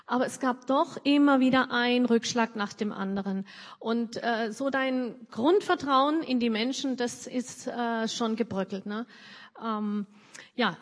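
A woman interviewer asking gentle questions with frequent hesitations. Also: fairly high pitch, measured pace, in a large hall. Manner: hesitant, many fillers. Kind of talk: interview questions and book reading.

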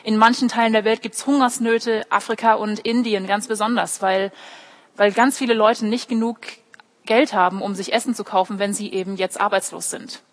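A woman's voice: medium pitch, fairly even intonation, normal speed. A woman preaching an online sermon, often asking questions and speaking directly to her listeners. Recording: long hall reverb.

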